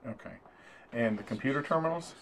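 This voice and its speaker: A male player in a tabletop role-playing game. His voice moves lively up and down as he talks through his moves. A faint hiss runs under the recording. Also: medium pitch, fairly quick. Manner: casual, laughs easily.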